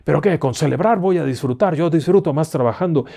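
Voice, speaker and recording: A man voicing a gruff, ill-tempered truck driver who grumbles and snaps in a told ghost story. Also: a little high, brisk, mellow, pitched above the performer's own voice. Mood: gruff annoyed.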